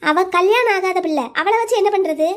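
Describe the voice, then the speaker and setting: Cartoon matriarch, elderly and stern, nags fast and pushes her will; a woman voices her. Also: very high voice. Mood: scolding. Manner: insistent, scolding. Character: stern old grandmother, pushy matriarch. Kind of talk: cartoon storytelling.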